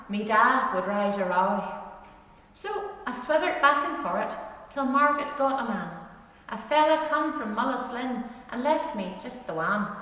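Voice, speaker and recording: A woman's voice: mid-range voice, pushed and bright. A woman reciting dialect verse as a rueful, ageing bachelor farmer, with an Ulster Scots accent and a lilting, rhyming storyteller delivery. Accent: Ulster Scots, Northern Irish. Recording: very echoey hall, distant microphone.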